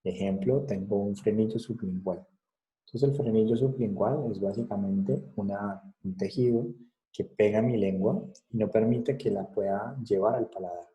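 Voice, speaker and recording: Casting: man, lecturer, very dark and mellow tone, lowish pitch, patient explaining style. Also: normal speed, dull audio. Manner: explanatory, checks understanding with frequent tag questions. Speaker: psychology lecturer. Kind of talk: recorded class lecture.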